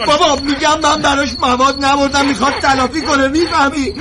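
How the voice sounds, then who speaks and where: A man's voice: very high voice, flat delivery, noisy background. An actor playing a frightened young man pleading for mercy.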